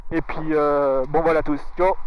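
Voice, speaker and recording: A man's voice: a little high, fairly even intonation, measured pace, highs cut off. A man heard over a pilot headset in a light aircraft, casually commenting on his flight as a pilot and vlogger. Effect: pilot headset intercom sound. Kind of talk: casual flight vlog commentary and radio calls. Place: small light aircraft cockpit. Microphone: aviation headset.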